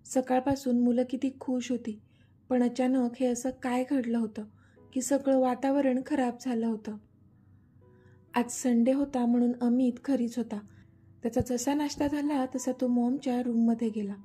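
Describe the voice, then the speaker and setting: A woman narrating a serialized family story in a steady, expressive reading. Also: on the high side, moderate pace, slightly rough. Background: soft background music.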